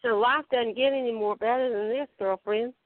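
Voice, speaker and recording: A woman's voice: a little high, fairly even intonation, moderate pace, no echo. A woman with a Southern US accent chatting casually as a radio guest, in a folksy, storytelling way. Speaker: returning talk show guest. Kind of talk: casual chat. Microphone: phone. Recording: dry, narrow phone-line sound.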